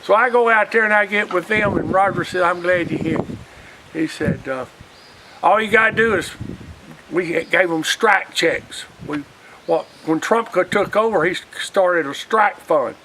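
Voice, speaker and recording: This high-pitched, sharp-toned man speaks at a measured pace on a rough recording with a little hiss or hum. He's an older Alabamian and former union organizer, casually recalling his past in a loose, folksy way and quoting conversations from years ago.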